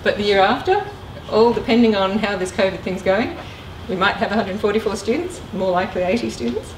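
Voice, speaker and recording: Lively in intonation and fairly quick, this middle-aged woman's mid-range voice carries an informal career talk. A former air traffic controller invited as a guest speaker, she also answers questions, captured by a distant mic in an echoey, clearly noisy room.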